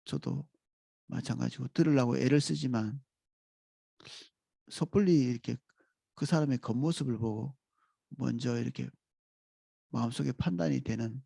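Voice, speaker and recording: A man preaching a dawn sermon as pastor, in a calm, reflective way with pauses. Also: mid-range voice, vocal fry, slightly rough, no echo.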